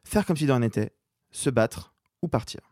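A man's voice: mid-range voice, animated, moderate pace, a little mellow, no room sound, faint music behind. A male podcast host leading a film debate, joking and keeping things moving.

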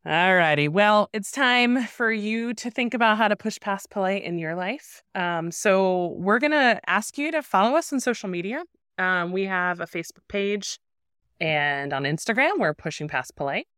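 A woman in her forties co-hosting a podcast, chatting casually and telling animated stories with playful voices for the people in them. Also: medium pitch, moderate pace, clear, resonant tone, dry recording, clean studio sound. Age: 40s. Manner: animated storyteller, acts out voices in anecdotes. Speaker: podcast co-host. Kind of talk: casual chat.

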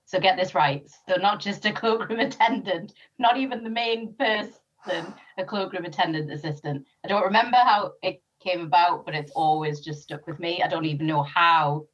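A former police officer, born in Sri Lanka and raised in North East England, chats as a podcast guest with plenty of ums and easy laughter. Her voice is lowish, husky and fairly bright, moving at a moderate pace with few pauses, though the audio sounds dull.

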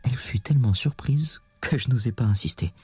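Man narrating a classic tale, very raspy, slips into whispers, dry sound. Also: mid-range voice, lively intonation, a little fast, a little mellow, no echo. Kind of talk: dramatic literary narration.

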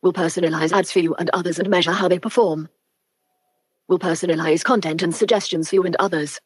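A woman's voice: fairly low pitch, steady tone, fast talker, husky, no echo, clean studio sound. A synthetic female screen reader voice played through a Bluetooth speaker, reading out on-screen labels and buttons. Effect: synthetic speech played through a Bluetooth speaker.

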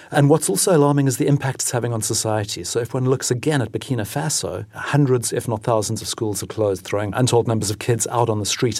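A man, an Africa editor, explaining in a measured way what he saw on a reporting trip, in a news podcast interview. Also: medium pitch, darkish tone, no room sound, studio quality.

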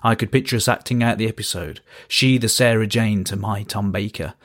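A man in his thirties from Birmingham, hosting a podcast and reading his own story with dry, wry understatement. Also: mid-range voice. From Birmingham, England. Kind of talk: scripted first-person storytelling.

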